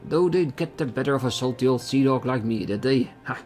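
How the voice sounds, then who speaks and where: An actor playing a gruff, boastful old fisherman and treasure hunter in a video game, talking like a salty pirate. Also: mid-range voice, a little fast, darkish tone, lightly acted. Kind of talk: video game character acting. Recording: game music behind the voice.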